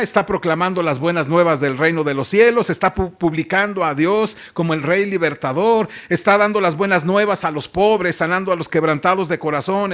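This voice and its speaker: A man's voice: high voice, a bit bright. A man, preaching a sermon as pastor and putting rhetorical questions to the congregation.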